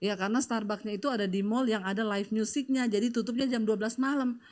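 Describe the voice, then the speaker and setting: A woman's voice: fairly high pitch, steady tone, fast, darkish tone. A middle-aged woman pastor, preaching in a chatty, storytelling way with lots of fillers. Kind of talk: conversational sermon with personal stories.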